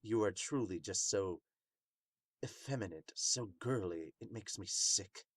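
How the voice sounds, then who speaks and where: A man voicing a cold, contemptuous demon king in a manga dub, slow, sneering and menacing. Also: fairly low pitch, no echo. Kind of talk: manga dub villain acting.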